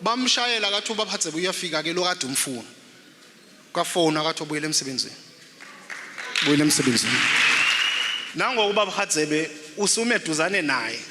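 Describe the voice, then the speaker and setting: A man's voice: high-pitched, expressive, fast, over a noisy crowd. A man telling a personal testimony, repeating phrases for emphasis. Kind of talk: animated spoken testimony. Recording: loud noise, reverberant space.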